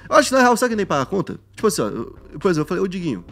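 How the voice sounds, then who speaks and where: A man co-hosting a podcast in casual chat, slangy and animated, often acting out other people's voices. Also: high voice, very fast, vocal fry, soft background music. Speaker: podcast co-host.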